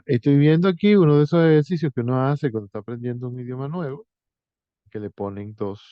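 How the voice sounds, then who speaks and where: A man teacher walking students through a writing exercise, thinking aloud with frequent pauses and restarts. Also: mid-range voice, no echo, dull audio.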